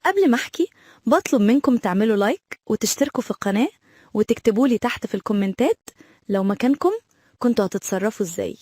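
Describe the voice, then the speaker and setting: A woman's voice: fairly high pitch, lively intonation, racing, dark tone, no room sound, clean studio sound. Egyptian woman telling a dramatic story. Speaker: narrator. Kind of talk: scripted first-person storytelling.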